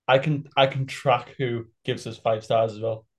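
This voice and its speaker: A man's voice: mid-range voice, fairly even intonation, normal speed. A man co-hosting a casual podcast, laid-back, laughing along and swearing his way through channel plugs. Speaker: podcast co-host.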